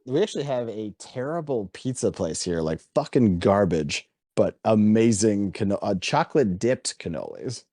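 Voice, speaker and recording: A man's voice: fairly low pitch, very animated, moderate pace, hardly any pauses, mellow, no echo, studio quality. A man hosting a casual podcast chat, teasing his co-hosts bluntly and swearing now and then.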